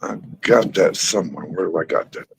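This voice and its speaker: A man's voice: low-pitched, brisk, creaky, slight background noise. A man hosting a casual live stream, joking around and thinking aloud in an easygoing way. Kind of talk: casual chat.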